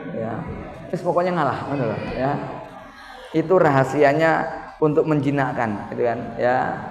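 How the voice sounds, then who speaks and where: A man's voice: medium pitch, moderate pace. A man with a Javanese accent giving a humorous, folksy mosque sermon, acting out husbands and wives in quoted lines. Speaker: preacher. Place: mosque hall. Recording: echoey mosque hall reverb.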